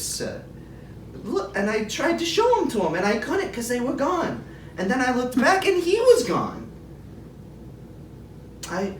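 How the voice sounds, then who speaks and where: A woman playing a rambling, indignant, eccentric elderly grandmother in a grandma voice, repeating herself in improvised comedy. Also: on the high side. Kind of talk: improvised comedy role-play. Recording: roomy, noisy, distant mic.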